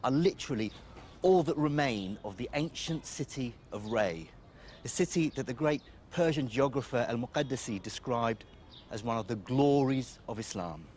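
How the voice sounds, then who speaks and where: A middle-aged man from Iraq, presenting a documentary in a measured, storytelling narration. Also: medium pitch, lively intonation, a little mellow, slight background noise. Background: music.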